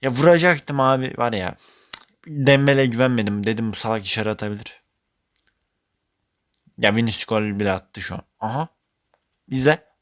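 A young man talks over his own football video game match as he plays. He sounds exasperated and curses often, breaking into loud frustrated outbursts. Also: medium pitch, normal speed, long pauses. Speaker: gaming YouTuber. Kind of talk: live gameplay commentary.

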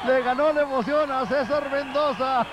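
A man is a wrestling commentator, speaking live in a very high voice. A loud crowd surrounds his words in the arena broadcast. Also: fairly even intonation, moderate pace. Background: loud crowd and arena noise.

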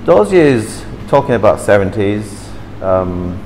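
A Turkish man in his fifties reminisces about his childhood in slightly broken English, chatty and animated and gesturing with his hands, during an interview at a café table indoors. His voice is fairly low and slow. A camera across the table records him with poor audio, a bit of hiss or hum, and a sound like a large hall.

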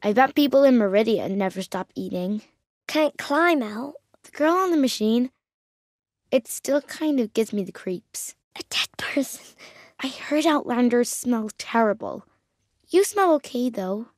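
Young Aloy, high-pitched curious little girl. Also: lively intonation, measured pace, no echo, clean studio sound. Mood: shy wonder. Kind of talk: video game voice lines.

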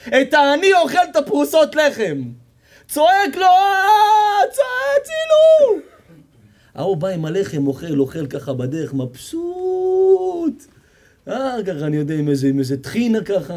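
A man, a rabbi, giving a sermon full of stories, acting out the characters and joking with the audience. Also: fairly high pitch. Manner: animated storytelling, acts out characters, jokes and quizzes the audience. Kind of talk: sermon with storytelling.

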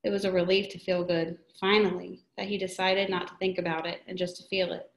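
A woman's voice: fairly low pitch, level tone, a little fast, reverberant. A woman teacher reading a children's novel aloud, with small slips and restarts. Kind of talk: read-aloud storytelling.

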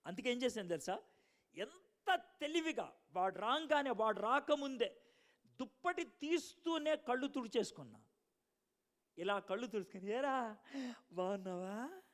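A man preaching a sermon to a congregation, telling stories and swinging from loud bursts to hushed asides. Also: very high-pitched, lively intonation, moderate pace.

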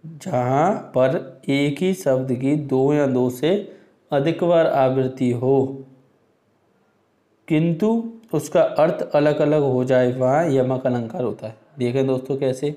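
A man teaching an exam-prep Hindi grammar lesson, explaining patiently and reading examples aloud slowly. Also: mid-range voice, dark tone, roomy sound. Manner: explains slowly, addresses viewers as friends, reads examples aloud.

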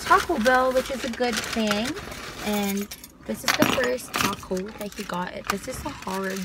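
A woman's voice: on the high side, unhurried, very noisy. An eighteen-year-old woman vlogging casually from a parked car, eating and chatting with lots of fillers. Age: young adult. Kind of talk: casual chat.

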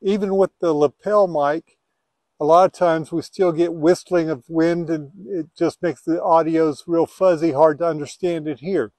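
Higher-pitched man in a dry outdoor vlog. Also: steady tone, moderate pace, a little mellow, dry recording. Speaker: homestead video host. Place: open windy valley field outdoors. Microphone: lapel mic.

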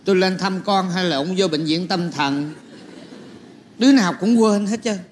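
A man's voice: high voice, moderate pace, echoey room, slight background noise. A man playing a grandfather in a comedy sketch, with grumbling, teasing banter.

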